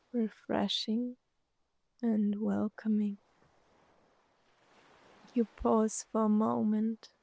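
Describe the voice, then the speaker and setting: This is a woman guiding listeners through a scripted meditation, her short, soothing phrases broken up by long pauses. She has a mid-range voice with some vocal fry. The recording is rough but carries no echo.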